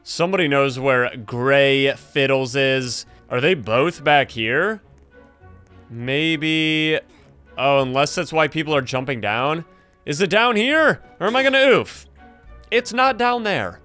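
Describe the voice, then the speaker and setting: A young adult man hosting gameplay commentary in an animated, exclaiming way, close on a streaming mic. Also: on the high side, takes it slowly, smooth, soft background music. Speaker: gaming video host, streamer.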